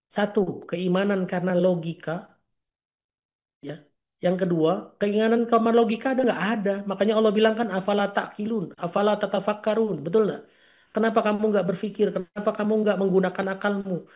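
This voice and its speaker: A man's voice: high-pitched, fairly even intonation, normal speed, darkish tone. A man in his forties, an Islamic preacher in casual talk, telling stories earnestly with quoted dialogue.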